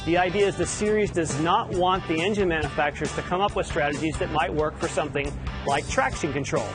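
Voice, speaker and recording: A man's voice: on the high side, quick pace, over music. A man explaining race car technology step by step as a broadcast analyst. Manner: methodical, explanatory.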